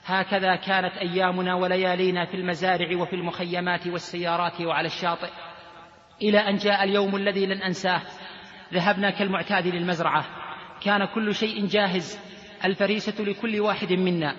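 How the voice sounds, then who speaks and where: A man's voice: high voice, little pitch movement, fast, a bit bright. A man preaching a sermon, emotionally retelling a young man's story of repentance in the first person. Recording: echoey hall, dull lo-fi sound.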